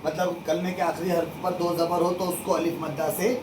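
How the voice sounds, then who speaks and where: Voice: mid-range voice, little pitch movement, fairly quick. A religious studies teacher leading a call-and-response classroom drill, stating rules and quizzing the students with repeated questions. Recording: echoey room, distant mic, faint noise.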